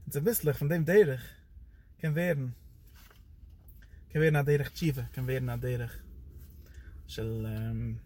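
A man's voice: moderate pace, long pauses, a little hiss or hum. A man teaching a Torah lecture in a loose, rambling way, his voice jumping up and down for emphasis. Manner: animated, pitch jumps up and down for emphasis.

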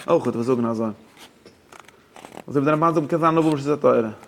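This lively study-hall lecture on religious law comes from a man with a gravelly, medium-pitched voice and a fairly quick pace. He switches among German, English and Yiddish, uses rabbinic terms and asks listeners questions, with slight background noise present.

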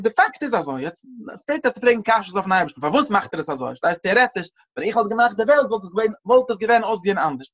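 A man teaching a religious lesson, halting and repeating phrases and mixing in English words. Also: on the high side, a bit bright. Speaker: Torah teacher. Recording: dull lo-fi recording.

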